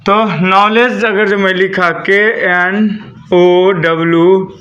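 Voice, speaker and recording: A man's voice: high voice, fairly even intonation, slow pace, fairly bright tone, dull audio. A man teaching a classroom lesson. He spells words out letter by letter and keeps asking the students questions. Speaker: English teacher. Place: classroom with a board.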